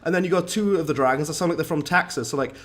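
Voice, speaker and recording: A man's voice: on the high side, racing, faint music behind. A young man chatting and joking as he streams a game. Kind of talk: casual live-stream commentary.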